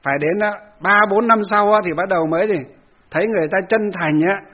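A Buddhist monk tells a story in a lively dharma talk and acts out the voices of other people. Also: male voice, high voice, fast. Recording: dull lo-fi recording.

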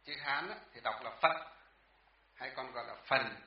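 A man's voice: mid-range voice, normal speed. A man teaching a class about Chinese characters, patient and repetitive, often asking the class questions. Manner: patient, repeats words, asks the class questions. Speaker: Buddhist teacher. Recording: echoey, distant, dull room sound.

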